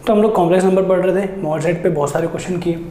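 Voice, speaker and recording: A man's voice: high voice, fairly even intonation, rapid-fire, dark tone, echoey room. A man teaching a maths lecture for exam prep, explaining step by step, asking students rhetorical questions and mixing in English terms. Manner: addresses students as children, mixes in English terms.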